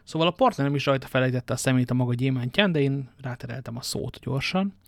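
A man's voice: mid-range voice, vocal fry, no room sound, natural voice. A man reading an audiobook and voicing Athos, a worldly, ironic musketeer, with a languid manner of telling his tale. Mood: wry.

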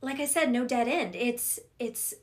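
Middle-aged woman guest on a podcast, lively and expressive, slightly high voice. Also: measured pace. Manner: expressive, acts out her own inner voice. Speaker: podcast guest, professional coach. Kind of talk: casual conversation.

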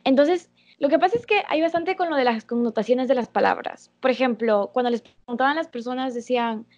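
A woman's voice: high-pitched, fairly quick, darkish tone. A young adult woman co-hosting a podcast, earnestly explaining a topic at length in casual chat. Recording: dull lo-fi sound.

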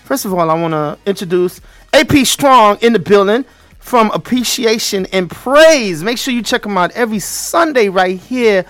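A man's voice: high-pitched, animated, moderate pace, a bit bright. Brooklyn-accented man hosting a talk show. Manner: colloquial, repeats phrases for emphasis. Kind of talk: lively community talk show interview.

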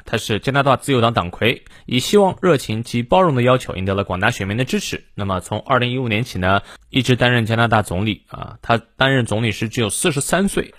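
Lively male English teacher, dry sound. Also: medium pitch, no echo. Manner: explains word by word, models pronunciation slowly. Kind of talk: daily English lesson.

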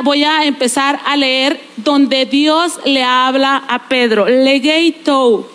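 A middle-aged woman preaching a sermon, animated, with humorous asides, slowing down to spell out Greek words. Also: high-pitched. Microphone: recorded during a church service.

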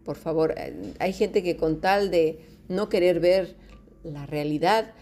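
Woman, sermon, lowish pitch, warm dark tone, talks straight to listeners, faint music. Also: lively intonation, slow pace. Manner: addresses listeners directly, mocks fearful voices. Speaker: preacher.

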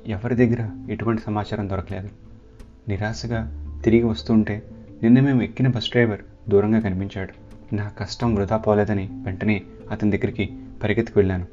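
A man hosting a podcast, narrating his own story in the first person with earnest, vivid telling. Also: on the low side. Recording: slightly dull, soft guitar behind.

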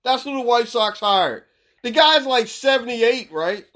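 A man co-hosting a casual sports podcast, animated and quick to laugh. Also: very high voice. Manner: laughs often, animated and teasing. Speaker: podcast co-host.

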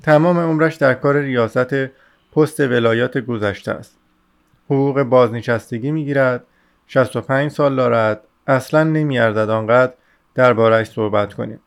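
A man's voice: medium pitch, smooth, lightly acted. A man voicing an eager, chatty young male student in an audiobook reading. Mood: eager chatter. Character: Razumikhin, lively talkative young male student.

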